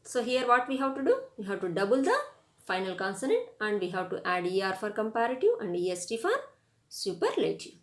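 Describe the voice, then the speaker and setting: A woman's voice: mid-range voice, big pitch swings, a little fast. A woman with an Indian English accent giving a grammar lesson, spelling words out letter by letter and reading word lists. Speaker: English teacher. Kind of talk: classroom grammar lecture.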